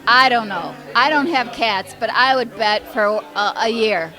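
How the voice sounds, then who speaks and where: A woman giving a tribute speech, reminiscing in a slow, rambling way. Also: fairly high pitch, bright, forceful tone, faint music behind. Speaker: memorial speaker.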